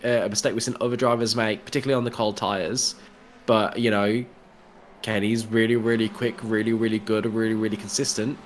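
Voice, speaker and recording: A man calls a sim race in a chatty, analytical way, breaking into light jokes. His voice sits a little low. A faint hum runs under the recording. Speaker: race commentator. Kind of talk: sim racing commentary.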